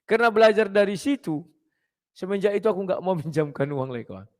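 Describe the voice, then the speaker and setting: A man giving blunt, casual preaching talk to his viewers, clearing his throat often. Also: high-pitched, lively intonation, fairly quick, a little mellow.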